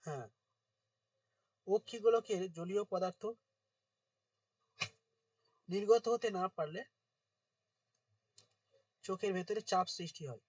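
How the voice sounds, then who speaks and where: A male teacher, dictating notes and quizzing students in an informal lesson, his voice going hoarse. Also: high-pitched, slow pace, long pauses, a little mellow, no echo, distant mic. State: voice getting hoarse.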